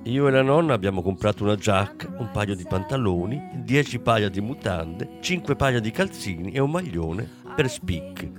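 Animated man reading a storybook. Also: on the low side. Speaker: audiobook reader. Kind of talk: audiobook narration.

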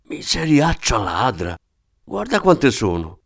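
A man reading aloud and voicing an eager, clumsy small-time thief with a wheedling, excitable manner. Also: medium pitch, slow, vocal fry, pitched above the performer's own voice, full character voice. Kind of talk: audiobook character voice.

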